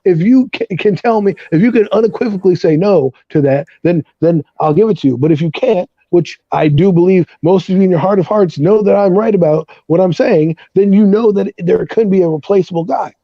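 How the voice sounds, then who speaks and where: A man's voice: high voice, a little fast, hardly any pauses, no echo, lo-fi sound. A man hosting a sports talk show, arguing his point emphatically in a heated debate and swearing now and then. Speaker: podcast host.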